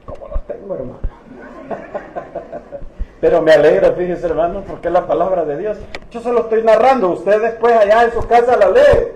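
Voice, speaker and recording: A man's voice: high voice, fairly even intonation, moderate pace, darkish tone, a little hiss or hum. A man preaching a sermon as pastor, retelling biblical stories with humor and acting out the characters. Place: church. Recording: echoey church hall.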